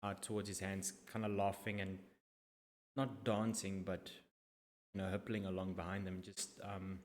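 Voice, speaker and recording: A man playing a tabletop game, casually and haltingly describing what his character does. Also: low voice, level tone, in a large hall. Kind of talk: hesitant casual character narration.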